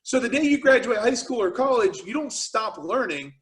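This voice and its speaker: High-voiced man giving upbeat business advice. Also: normal speed, low-quality recording. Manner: energetic, heavy on "you know" and "right". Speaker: business founder, guest speaker. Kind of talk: casual motivational talk.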